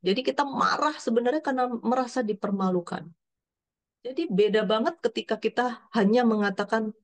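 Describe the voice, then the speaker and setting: A middle-aged woman counselor giving an explanatory talk to parents, her voice rising and falling as she explains, with many fillers and quoted inner thoughts. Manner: lively, pitch swings up and down while explaining.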